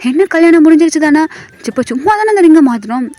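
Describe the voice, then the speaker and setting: A woman's voice: high voice, lively intonation, fast talker, mellow. A woman voicing a weeping heartbroken young man. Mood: flustered. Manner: tearful, pleading, repeats phrases. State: crying.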